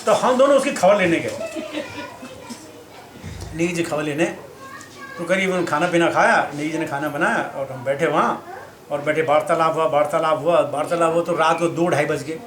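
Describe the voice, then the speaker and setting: Animated storytelling man, echoey room. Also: on the high side, moderate pace. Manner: animated, laughing, acts out dialogue; mixes Hindi with English phrases. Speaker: speaker at a scripture class. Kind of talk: humorous personal storytelling. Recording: echoey room with background noise.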